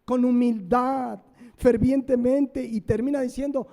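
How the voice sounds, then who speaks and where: A man's voice: extremely high pitch, fairly even intonation, unhurried, mellow. A man preaching a sermon as pastor. He asks the congregation questions and answers them himself, stressing words one by one.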